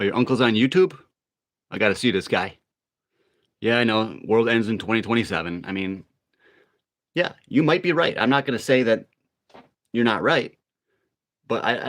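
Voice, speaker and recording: Speaking to viewers during his live workout session, the middle-aged host keeps the chat loose and meandering. He has a fairly low-pitched voice with a fairly bright tone.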